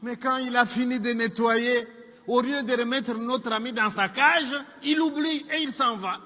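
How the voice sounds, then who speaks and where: Bright-voiced male storyteller, hall echo. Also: very high voice, unhurried. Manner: lively, asides to the audience. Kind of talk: oral joke storytelling. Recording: long hall reverb, faint music.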